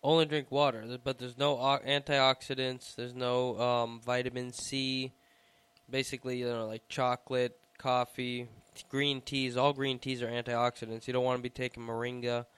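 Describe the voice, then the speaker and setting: A man co-hosting a casual health talk, explaining things in a measured, step-by-step way. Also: medium pitch, little pitch movement, fairly bright tone, clear, resonant tone, no room sound.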